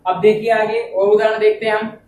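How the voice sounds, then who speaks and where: A man teaching a classroom lesson, speaking slowly and repeating words and phrases so students can write them down. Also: high-pitched, little pitch movement, a little mellow, roomy sound, distant mic, a little hiss or hum, low-quality recording. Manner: keeps saying "ab dhyan dena" to draw attention. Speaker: Hindi grammar teacher.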